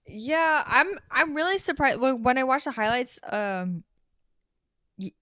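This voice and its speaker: Animated woman ranting about football. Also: high voice, a little slow, dry recording, studio quality. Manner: animated, swears freely, stammers into points. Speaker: podcast co-host. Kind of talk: casual sports chat.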